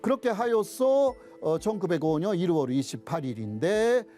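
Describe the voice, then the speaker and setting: A male professor with a Japanese accent gives an explanatory lecture in a high, very lively voice. His pitch swings widely as he sets up questions and answers them. The tone stays soft-edged, with faint music behind him. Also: moderate pace. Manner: didactic, asks questions then answers them.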